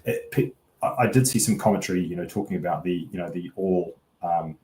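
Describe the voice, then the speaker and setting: A rugby betting pundit offers casual sports analysis, hedging and rambling hesitantly as he circles each point. His deep, mellow voice moves briskly, recorded in an echoey room with slight background noise.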